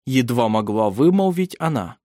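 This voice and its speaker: A man narrating an audiobook in a steady, measured, dramatic reading. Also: medium pitch, no echo, studio quality.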